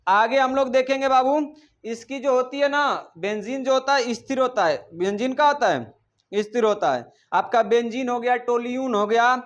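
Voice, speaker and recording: High-pitched male teacher quizzing a class. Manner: drills students with repeated questions, scolds them. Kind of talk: classroom chemistry lesson.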